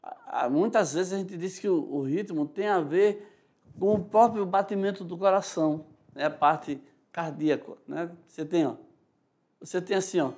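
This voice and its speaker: High-voiced Brazilian male teacher. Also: moderate pace, a little mellow. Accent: Brazilian Portuguese. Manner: explanatory, frequent "tá?" and "né?" check-ins, demonstrates rhythms aloud. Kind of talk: recorded online class lecture.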